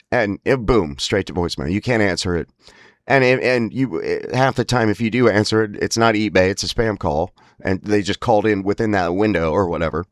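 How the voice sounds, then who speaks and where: A fairly low-pitched man hosts his own lifestyle series about a voice disorder, his voice strained and broken by the spasms of spasmodic dysphonia. In a casual, anecdotal monologue, he tells a wry, rambling, emphatic story, captured in a dry, clean studio recording.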